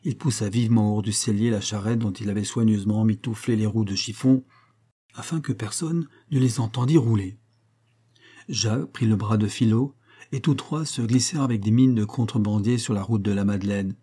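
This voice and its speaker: Male reader of a classic story, measured and expressive, warm, mellow tone. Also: lowish voice, husky. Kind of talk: scripted narration of a classic tale.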